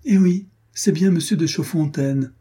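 A man voicing a gentle, spirited young noblewoman with a light, exclaiming manner. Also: lowish voice, a little slow, husky. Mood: bright.

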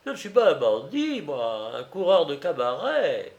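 A man's voice: huge pitch swings, unhurried, echoey room, highs cut off, heavily acted. A fussy, impetuous old grocer in his sixties, as a male reader puts him on. He pleads and protests in a raised, agitated voice. It sits above the reader's own voice in an audiobook. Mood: indignant. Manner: pleading, indignant, raised pitch. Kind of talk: audiobook character voice.

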